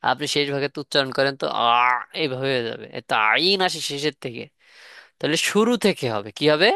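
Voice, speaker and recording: A man's voice: mid-range voice, a little fast, gravelly, bright, forceful tone, no room sound, clean studio sound. A man teaching Quran letter pronunciation in a live online class, repeating questions and asking students to respond.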